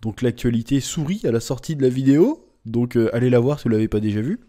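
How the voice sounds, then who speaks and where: Guy doing a chatty manga news video, warm mellow voice, hams it up big, lots of euh, pretty blunt. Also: mid-range voice, expressive, fast talker. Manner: exaggerated, mock-dramatic emphasis. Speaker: host of a manga channel. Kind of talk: casual manga news commentary.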